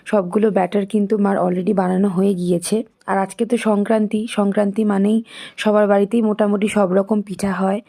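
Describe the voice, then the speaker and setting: A young woman's voice, hoarse and a little husky from a cold, with a soft, mellow tone. She speaks, narrating her day in a casual vlog voice-over. She talks straight to her viewers in an easy, chatty way. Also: mid-range voice, level tone, fairly quick. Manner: chatty, addresses viewers directly. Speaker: vlogger.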